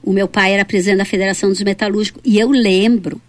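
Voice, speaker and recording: A middle-aged woman from southern Brazil with a Rio Grande do Sul accent, a city councillor reminiscing in a relaxed interview and tagging her sentences with questions. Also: mid-range voice, quick pace. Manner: reflective, tags sentences with "né?". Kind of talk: casual reminiscing conversation.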